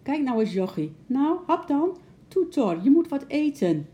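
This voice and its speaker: A woman voicing an excited young male zookeeper in a storybook, calling out and pleading. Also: high voice, unhurried, voice pushed up.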